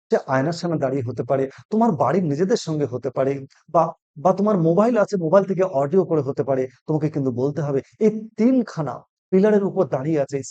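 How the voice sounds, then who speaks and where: Man, Bengali accent, high voice, mellow tone, spoken English lesson, slow emphatic English phrases. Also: highs cut off. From India. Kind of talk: video lesson.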